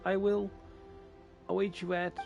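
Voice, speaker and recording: A broken-down ancient guardian machine stutters out halting warnings as it glitches toward shutdown, voiced by a man reading game dialogue aloud. The voice sits high for a man and grinds with gravelly fry. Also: little pitch movement, darkish tone, lo-fi sound, soft background music. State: malfunctioning, glitching and shutting down. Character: ancient guardian machine breaking down mid-message.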